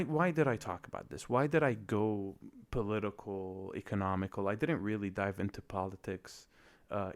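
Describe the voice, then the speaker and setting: A young man from Lebanon hosting a solo podcast, talking in a reflective, hesitant way with many fillers. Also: fairly low pitch. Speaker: podcast host.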